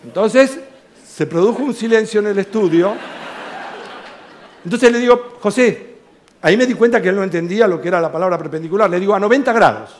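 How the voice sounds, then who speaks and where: A man in his sixties with an Argentine accent, telling an animated anecdote with quoted dialogue to a theater audience as he presents his book. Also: sits high, a little fast, slight background noise. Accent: Argentine Spanish. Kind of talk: storytelling talk to a theater audience. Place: large theater stage.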